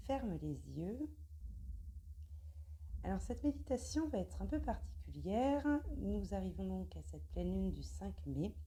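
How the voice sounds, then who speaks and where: A woman guiding a meditation, speaking softly and close to the ear. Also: medium pitch, slight background noise. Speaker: meditation guide. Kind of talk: spoken introduction to a guided meditation.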